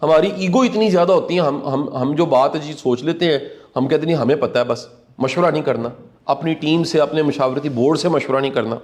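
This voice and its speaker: A man's voice: fairly high pitch, a little mellow. A man giving earnest, preachy commentary on a talk show.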